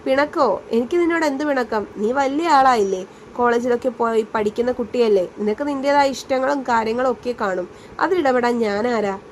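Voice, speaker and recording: A woman's voice: on the high side, normal speed, slight background noise, lightly acted. A woman reading a storybook voice of a stern, protective young man who presses with demanding questions.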